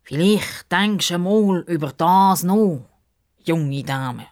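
Storybook crocodile, male, smug know-it-all, slow and lofty, voiced by a woman. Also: fairly low pitch, animated, a little mellow. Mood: pompous. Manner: slow, drawn-out, condescending. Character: pompous self-important male crocodile.

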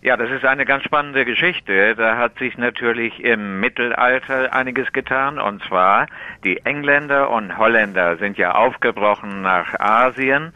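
A man's voice: mid-range voice, unhurried, no echo. A man, a tea taster and buyer, joins a radio interview by phone and explains things with enthusiasm and many fillers. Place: in Hamburg, on the phone. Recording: dull, muffled phone line.

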